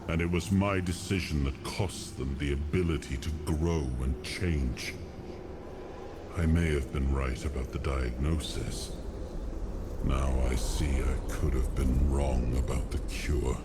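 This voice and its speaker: A man's voice: steady tone, noisy background, heavily acted. An actor playing a weary, guilt-ridden fallen warrior king in a video game, with a grave, solemn, regretful delivery. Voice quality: very low, grave voice. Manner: slow, solemn, regretful monologue. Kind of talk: dramatic video game cutscene monologue.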